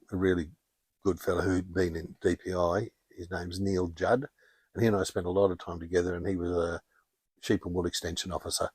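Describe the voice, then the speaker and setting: An older Australian man telling stories in a relaxed, wry way as a podcast guest. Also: sits low, husky, no echo. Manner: chatty, anecdotal, wry. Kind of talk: casual interview storytelling.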